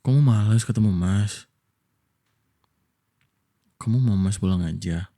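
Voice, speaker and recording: A man from Indonesia doing a whispered boyfriend role-play, soft and coaxing as he soothes his partner. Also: on the low side, measured pace. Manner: soft, coaxing, affectionate toward listener.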